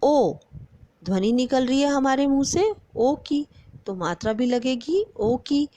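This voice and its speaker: Slow, lively-voiced woman teacher. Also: high voice, no echo. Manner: slow and deliberate, stretching out example words; addresses the pupils often and asks them questions. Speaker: primary school teacher. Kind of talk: online grammar lesson for young children.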